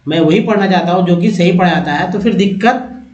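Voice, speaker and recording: A man's voice: high voice, brisk, a little mellow, echoey room, highs cut off. A man teaching English pronunciation, reading out word lists and repeating each word for his viewers. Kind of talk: pronunciation drill lesson.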